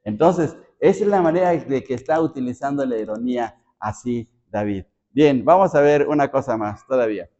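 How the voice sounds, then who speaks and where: A man's voice: medium pitch, lively intonation, normal speed, few pauses, dark tone, highs cut off. A man preaching a Bible study sermon as pastor, asking the congregation rhetorical questions.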